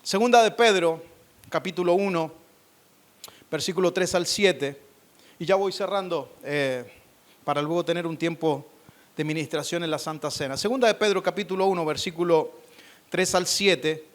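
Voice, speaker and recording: Fervent high-voiced pastor preaching. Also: male voice, moderate pace, long pauses. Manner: fervent, rising to emphatic preaching with repeated phrases. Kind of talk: sermon. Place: church service.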